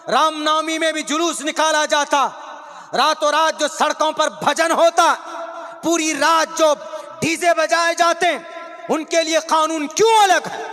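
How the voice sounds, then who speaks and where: Preacher, male, bright tense tone, flat delivery, rising to shouts, recorded in a reverberant hall. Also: very high voice. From India. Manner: declaiming, drawn-out scripture recitation, shouting at peaks. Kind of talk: impassioned public speech.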